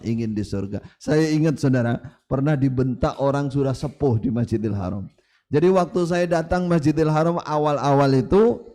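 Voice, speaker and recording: A male preacher delivers a sermon. His voice sits a bit high, and he tells stories with strong emphasis, rising and falling as he makes his points. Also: warm tone.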